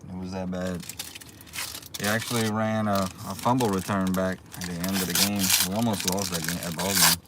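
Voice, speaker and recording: A man hosting a casual livestream from inside a car, rambling through unhurried small talk with viewers. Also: deep voice, level tone. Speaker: livestream host, small YouTube channel. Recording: clear background noise, car ambience.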